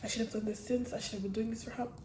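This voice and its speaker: A woman's voice: a little high, steady tone, rapid-fire, dark tone, echoey room, a little hiss or hum. A teenage girl chatting casually to the camera, telling a rambling personal story with many restarts. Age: teens. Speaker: vlogger. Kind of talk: casual chat.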